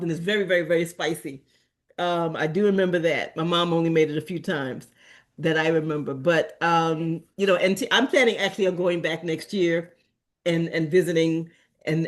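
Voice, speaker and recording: Speaking in a fairly low voice, a middle-aged Antiguan woman addresses an association meeting as a community presenter. Her casual, informal talk drifts from point to point, peppered with ums and restarts.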